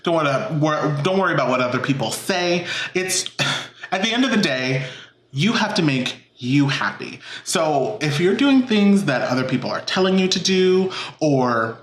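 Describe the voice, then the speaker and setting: A chatty, encouraging man talks through a casual mukbang vlog, filling his sentences with "um" and "like." His voice sits a little high for a man. The sound rings around an echoey kitchen. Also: expressive, normal speed, a little hiss or hum. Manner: chatty and encouraging, many "um" and "like" fillers. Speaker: cooking channel host. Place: home kitchen. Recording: echoey room.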